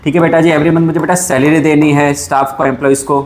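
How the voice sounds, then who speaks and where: A fairly high-voiced man teaches a class in an echoey room. He talks to his students fondly, asks them questions and answers them himself. He says the key terms more than once. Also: little pitch movement, fast, slight background noise. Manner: calls students "beta". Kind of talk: classroom lecture.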